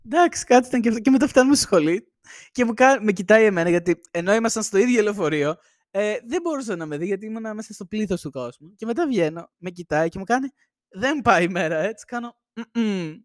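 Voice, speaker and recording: A man's voice: high voice, expressive, dry recording, studio quality. A young man hosting a podcast, chatting casually and rambling with frequent laughs, indoors at home on a shared microphone. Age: young adult. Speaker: podcast host. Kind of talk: casual chat. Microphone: shared single microphone.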